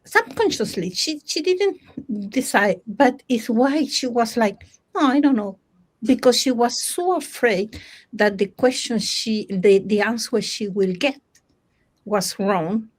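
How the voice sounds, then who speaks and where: A woman coach talks slowly in a relaxed discussion, in English that is not her first language. She often pauses, repeats herself and stops to hunt for the right word, and her voice sits at an ordinary middle pitch. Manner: halting, searching for words, many restarts. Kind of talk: casual group discussion.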